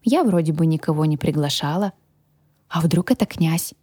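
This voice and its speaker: A woman narrating a first-person fantasy audiobook in a lively, expressive way. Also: sits low, normal speed, breathy edge, dry recording, studio quality. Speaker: audiobook reader.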